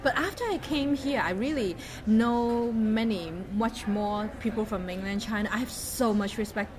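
A woman's voice: fairly high pitch, normal speed, darkish tone, a little hiss or hum. A woman from Hong Kong, a guest in a casual podcast chat, blunt and playful. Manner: blunt, playful, laughs often.

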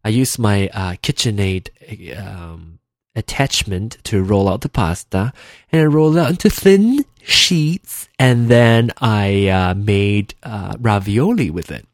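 Rambling chatty man with a lively voice. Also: on the low side, slow, no echo, studio quality. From Malaysia. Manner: rambling, self-correcting, chatty with frequent fillers. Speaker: podcast host. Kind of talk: casual solo podcast chat. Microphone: in-ear headphones with a desk mic.

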